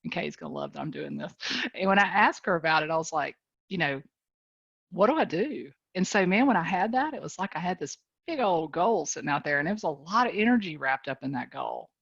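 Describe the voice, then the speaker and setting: A woman with a warm North Carolina drawl speaks low and folksy, laughing easily as she encourages her listeners. She is on a video call, and her voice sounds dry and a little dull. Her talk is casual, motivational chat. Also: fast talker, gravelly, dry recording. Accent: Southern US, North Carolina. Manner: folksy, animated, laughs often. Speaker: guest speaker, business leader.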